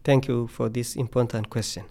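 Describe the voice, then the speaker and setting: A man's voice: mid-range voice, level tone, moderate pace, creaky, mellow. A middle-aged man from Tanzania, a scientist guest speaking earnestly in a podcast interview, often repeating words as he thinks.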